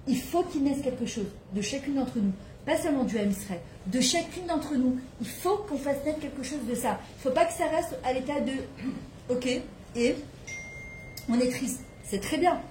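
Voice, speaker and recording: A woman's voice: high-pitched, lively intonation, moderate pace, darkish tone, roomy sound, slight background noise, poor audio. A woman giving an impassioned spiritual talk to a gathering of women in a home, asking rhetorical questions as she goes. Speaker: religious women's teacher. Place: private home.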